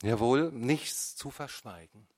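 A male audiobook reader narrates a novel in the first person. His delivery is measured and dramatic, with a lively, moving pitch at a middle height. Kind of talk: scripted literary narration.

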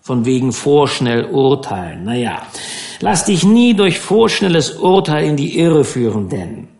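A man playing a stern old male schooner captain with slow, moralizing, dialect-tinged speech in an audiobook. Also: on the high side, sing-song, vocal fry, darkish tone, heavily acted.

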